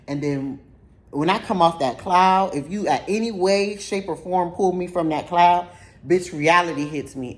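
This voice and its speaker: Animated young woman telling a wild story. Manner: animated, profane, sudden high-pitched outbursts. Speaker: storytime vlogger. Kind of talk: casual storytelling.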